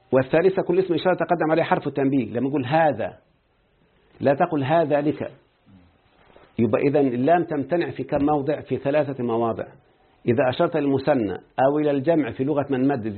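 An Egyptian man with a husky voice teaches grammar at a quick clip, asking his students questions as he explains. He sounds as if heard over a tinny, phone-like line. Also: medium pitch. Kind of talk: explaining a grammar text in class.

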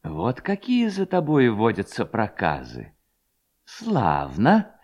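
A man's voice: lowish voice, huge pitch swings, slow pace, darkish tone, exaggerated voice. A man voicing a young village lad who mocks and schemes against the village head. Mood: mocking. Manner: mocking, scheming. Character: young male village lad, mocking and defiant.

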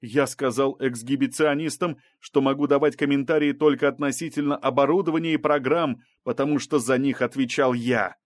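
A man's voice: mid-range voice, fairly even intonation, fairly quick, hardly any pauses, no room sound, studio quality, voice pushed up, lightly acted. A man reading an audiobook, voicing a male scientist on trial who protests and pleads his case. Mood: protesting.

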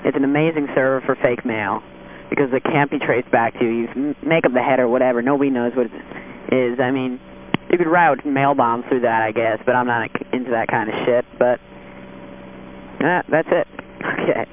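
A man's voice: medium pitch, normal speed. A man leaving a casual, rambling message from a payphone, full of ums and uhs. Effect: payphone call. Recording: tinny noisy payphone line.

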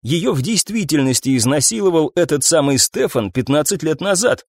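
A man's voice: fairly high pitch, expressive, darkish tone, no echo, clean studio sound. A man voicing a hesitant, careful male police officer in a storybook reading. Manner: hesitant, measured.

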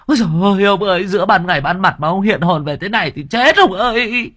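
A man's voice: fast, fairly bright tone, slightly rough, no echo, studio quality. A man voicing a stout middle-aged village woman who wails in grief over her husband. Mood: wailing. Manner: shrill wailing.

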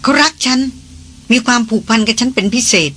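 A woman's voice: a little high, fairly even intonation, a bit bright, pitched above the performer's own voice. A reader voicing an earnest titled lady. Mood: anxious. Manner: earnest, quickens when anxious. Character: noble Thai lady on a jungle trek, earnest.

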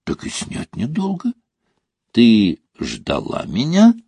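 A man's voice: mid-range voice, wildly swooping pitch, takes it slowly, gravelly, mellow, husky, no room sound, exaggerated voice. A man voicing a cocky, joking young man with playful, mocking banter in a story reading. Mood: teasing.

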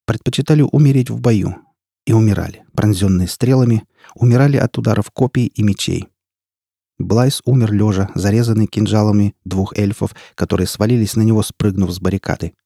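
A male narrator reads an audiobook in a measured, grave way. His voice is low and gravelly, dark and husky. The sound is dry and close to the mic. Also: dry recording.

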